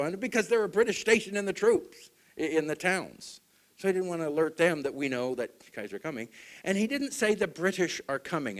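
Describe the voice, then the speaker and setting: A man from Utah giving a public talk to an audience, asking them questions and swinging between loud stresses and hushed asides. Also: a little high. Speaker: speaker at a group meeting.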